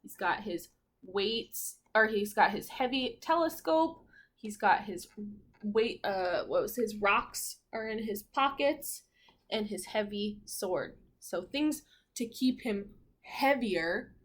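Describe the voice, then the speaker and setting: Reading from a picture book to young pupils, this woman teacher speaks at a medium pitch with an expressive, teaching tone. Every so often she pauses to pose questions to the children.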